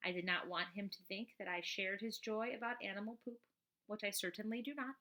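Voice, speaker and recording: A woman reads a children's book aloud like a teacher, expressive and full of chatty asides, delivered in an animated, emphatic way. Her pitch is medium and her pace fairly quick.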